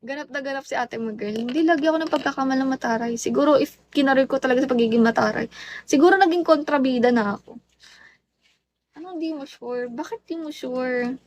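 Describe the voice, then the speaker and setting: A young Filipino woman livestreams from home on her phone, greeting viewers one by one and teasing them playfully as she switches between Tagalog and English. Her Filipino-accented voice is high-pitched, a little fast, and a little mellow, with slight background noise.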